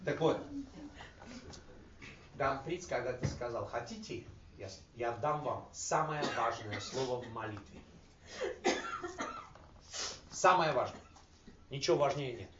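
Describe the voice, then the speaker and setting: A man with a mid-range voice addresses a recovery group in a casual, joking talk, speaking a little slowly with long pauses. Animated and laughing, he uses slangy, coarse language, and the recording sounds roomy, distant, and dull with faint background noise.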